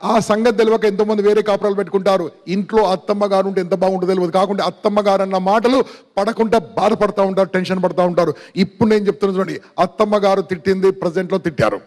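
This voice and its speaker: A middle-aged man giving a motivational seminar talk, energetic, quizzing the audience and mixing in English phrases. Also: sits high, quick pace. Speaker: motivational speaker.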